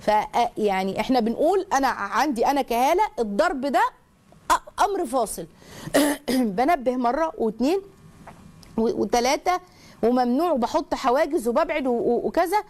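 Woman, Egyptian accent, religious advice host, earnest, emphatic, rapid speech, fairly high voice. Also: a little mellow. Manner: earnest, emphatic, lecturing with many restarts. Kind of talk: religious advice talk, reading a listener's letter.

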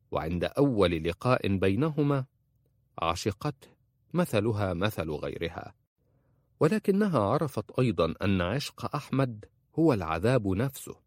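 Deep-voiced male audiobook narrator. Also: no room sound, studio quality. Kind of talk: scripted narration.

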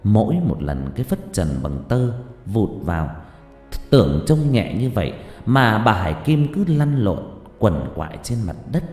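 Guy reading a spooky story, low voice, big swoops, echoey w/ music. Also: dark tone. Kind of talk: scripted horror narration. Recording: echoey hall reverb with music.

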